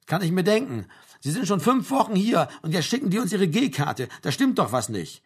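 Guy doing a sarcastic army sergeant, higher and louder, barking questions, bit husky. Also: big pitch swings, moderate pace, heavily acted. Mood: mocking. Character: gruff middle-aged army sergeant, mocking.

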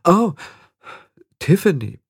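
Smooth, unflustered older witch woman, read by a man, dry close sound. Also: high voice, big pitch swings, slow, dry recording, voice pushed up, full character voice. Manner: smooth, unembarrassed.

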